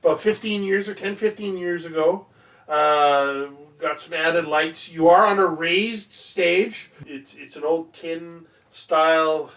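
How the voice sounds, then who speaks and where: A woman's voice: low-pitched, slow pace, fairly bright tone. A woman talking casually in conversation. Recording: roomy echo, distant from microphone.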